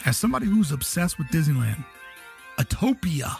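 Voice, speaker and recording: Male host, higher-than-average pitch, jokey and opinionated, chatting casually over music. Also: expressive, moderate pace.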